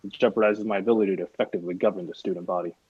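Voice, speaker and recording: A man's voice: deep voice, fairly even intonation, rapid-fire, slightly rough, dry recording. A man reading a pompous, self-important middle-aged school principal in an unrehearsed script read-through. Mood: stern. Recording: dull, dry, lo-fi recording.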